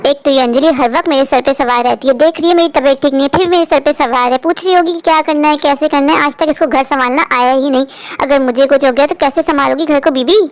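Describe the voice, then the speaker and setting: A domineering older mother-in-law from a cartoon story, who nags and scolds without pause, voiced by a woman. The voice sits high and the words come fast and cutting. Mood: grumbling. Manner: domineering, nagging, sharp-tongued.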